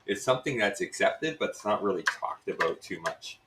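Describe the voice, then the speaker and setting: A man's voice: on the low side, noisy background. Laid-back male game master. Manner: relaxed, halting, many fillers. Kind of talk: narrating a tabletop game.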